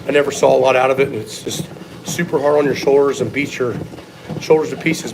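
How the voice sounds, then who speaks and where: A man's voice: medium pitch, noisy background. A man giving blunt, opinionated, sometimes profane answers in a casual live question-and-answer chat as a strength coach.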